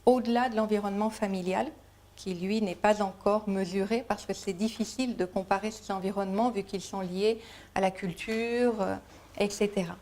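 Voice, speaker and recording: A woman's voice: medium pitch, steady tone, moderate pace, mellow. A woman giving a conference lecture, explaining patiently and working through everyday examples. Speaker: lecturer at a Montessori school conference.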